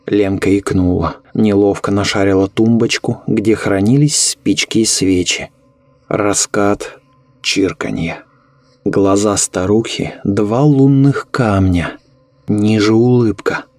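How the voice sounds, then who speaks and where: A man narrating a horror story in a measured, ominous way. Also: lowish voice, steady tone, darkish tone, dry recording.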